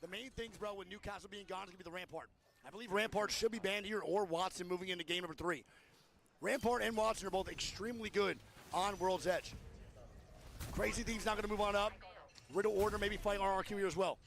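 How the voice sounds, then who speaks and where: A man's voice: high-pitched, fairly even intonation, quick pace, vocal fry, a bit bright. A man streaming a watch party, giving hyped, swearing play-by-play esports commentary over a game broadcast.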